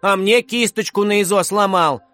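A man voicing an indignant little schoolgirl who complains loudly. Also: high voice, animated, normal speed, no echo, soft background music, voice pushed up.

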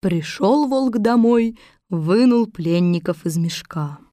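A woman narrating a fairy tale with expressive storytelling. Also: medium pitch, slow pace, no room sound, studio quality.

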